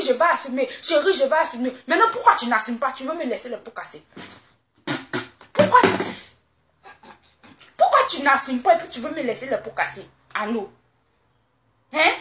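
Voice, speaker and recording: A moody, demanding pregnant young wife, as a woman acts her out nags her husband. Her voice sits high and bounces around an echoey room. She scolds with rapid-fire questions. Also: fairly bright tone. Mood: scolding. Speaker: comedian. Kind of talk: comedy sketch monologue.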